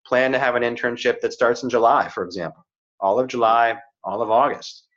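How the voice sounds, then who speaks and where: A middle-aged career coach gives earnest advice in a casual chat, frequently checking in with "right?" and "you know". His mid-range voice is fairly bright, a little fast, with fairly even intonation, on slightly dull, muffled audio.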